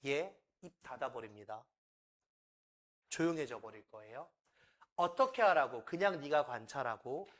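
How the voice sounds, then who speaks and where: A man's voice: high-pitched, fairly bright tone. A man teaching English for exam prep, animatedly acting out dialogue lines and repeating key points to his students.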